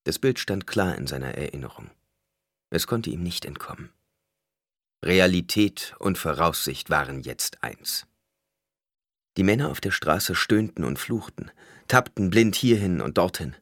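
A man narrating an audiobook in a measured, expressive manner. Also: low-pitched, no echo, clean studio sound.

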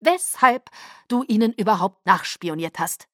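A cold, scheming vampire lord barks his lines in a loud, clipped, hurried voice, as a woman puts him on. He is curt and brusque, with a dry, close sound. This is an audiobook reading. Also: medium pitch, expressive, no room sound, lightly acted. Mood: harsh, accusing.

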